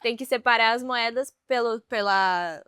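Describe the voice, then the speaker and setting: A woman co-host chatting casually and telling stories, laughing often. Her voice sits a little high and sounds bright and sharp. The sound is dry and close. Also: unhurried, clean tone, dry recording. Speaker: podcast co-host. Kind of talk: casual chat.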